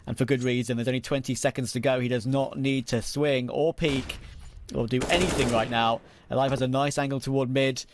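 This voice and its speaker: A man doing live esports play-by-play as a caster, with excitable, emphatic delivery. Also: medium pitch, brisk, noisy background. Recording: game gunfire and clicks throughout. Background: video game gunfire and clicks.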